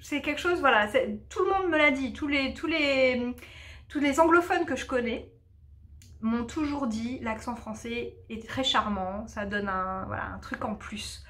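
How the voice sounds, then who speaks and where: A slightly high, slightly slow voice with a fairly bright tone belongs to this woman. She teaches English and hosts a knitting podcast, and in this casual chat she leans on fillers and keeps restarting.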